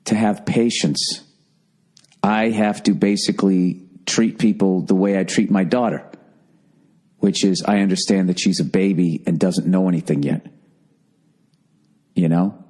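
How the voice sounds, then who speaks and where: Here a middle-aged American podcaster rants solo for laughs, swearing and sounding exasperated. His low voice is a little mellow and carries a breathy edge.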